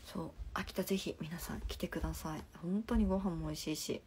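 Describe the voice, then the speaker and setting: A young woman hosting a casual live stream, chatting through viewers' comments and often dropping into a soft half-whisper, speaking into a phone. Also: fairly low pitch, brisk, slight background noise. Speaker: livestream host.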